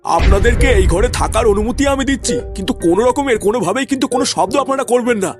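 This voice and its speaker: A man's voice: very high voice, racing. A man voicing a formal, blunt hospital doctor in a cartoon, giving families hard news. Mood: stern. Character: stern male hospital doctor. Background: background music.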